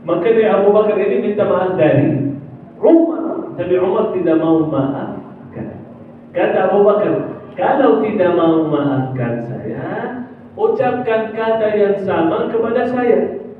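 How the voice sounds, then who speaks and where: A man preaching a sermon, telling a story with lively acted-out dialogue and chanted phrases, heard from far off in a mosque. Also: sits high, a little hiss or hum. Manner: animated, acts out dialogue, drawn-out chanted phrases. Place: mosque hall. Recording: distant, phone-like, very echoey hall.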